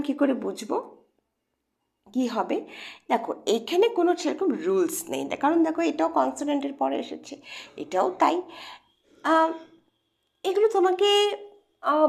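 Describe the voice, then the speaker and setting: A woman's voice: high voice, creaky, a little mellow. A woman teaching English pronunciation to students, explaining patiently step by step and often checking with questions. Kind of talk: lesson for students.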